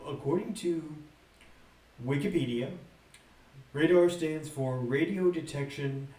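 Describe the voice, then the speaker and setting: A man's voice: a little high, takes it slowly, mellow. An actor playing a dry, skeptical male TV interviewer. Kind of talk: mockumentary interview. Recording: roomy, distant mic.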